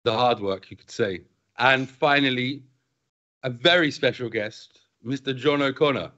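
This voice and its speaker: A man's voice: mid-range voice, measured pace. Man hosting an online AMA. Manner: friendly, relaxed moderator, reading questions. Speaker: host and company CEO. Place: indoor room with a virtual space background. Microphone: video call. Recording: dull lo-fi video call audio.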